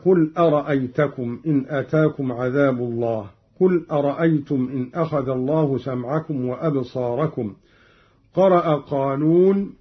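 A man with a husky, slightly high voice teaches Quran reading in a slow, deliberate way, chanting the verses he quotes. The recording sounds dull and lo-fi. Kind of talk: slow explanatory lesson with recited verses.

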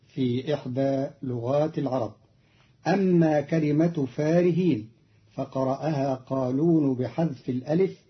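A man teaching the variant Quranic readings, explaining each one in a measured way and chanting the quoted verses slowly. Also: fairly high pitch, muffled recording. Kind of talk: scripted lesson on Quranic readings.

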